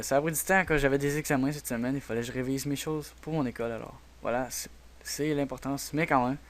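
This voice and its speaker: Soft-spoken Québécois man teaching software. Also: mid-range voice. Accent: Québécois French. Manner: soft-spoken, hesitant with many fillers. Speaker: tutorial host. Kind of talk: screen-recorded software tutorial.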